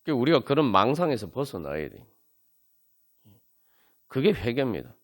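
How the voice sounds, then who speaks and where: A man's voice: medium pitch, sing-song, normal speed. A man preaching a sermon at a Friday prayer meeting, earnest and full of fillers, building to emphatic peaks. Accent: Seoul Korean. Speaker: pastor. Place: church sanctuary.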